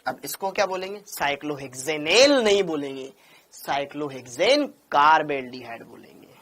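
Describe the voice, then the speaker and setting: A man's voice: a little high, animated, normal speed, a bit bright. A man teaching chemistry in an online class, drilling points over and over and scolding students by name. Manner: calls students by name and "beta".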